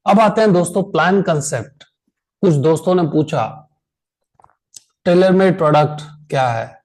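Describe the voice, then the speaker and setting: An Indian man runs an online insurance sales training, worn out from a long meeting, so he talks slowly and hammers home key phrases by repeating them. He has a fairly high voice with a darkish tone, heard through a low-quality recording.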